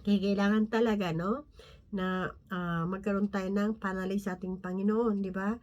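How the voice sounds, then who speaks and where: A lay preacher with a medium-pitched, steady voice gives an informal talk on the Bible. She keeps it conversational, often using tag questions, restarting sentences and laughing softly, then slows down to read scripture from her notes.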